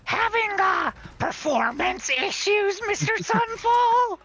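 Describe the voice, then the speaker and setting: A man voicing a mocking female adventurer speaking in a slow, taunting draconic dragon voice in a tabletop game. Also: extremely high pitch, big pitch swings, bright, forceful tone, dull audio, faint music behind, pitched above the performer's own voice, exaggerated voice.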